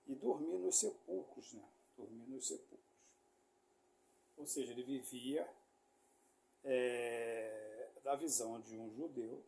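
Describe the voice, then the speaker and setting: Male preacher, Rio accent, gravelly and mellow, conversational rambling teaching style. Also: medium pitch, slight background noise. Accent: Brazilian Portuguese, Rio de Janeiro. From Rio de Janeiro, Brazil. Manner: explanatory, rambling, many fillers and tag questions. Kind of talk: informal sermon teaching.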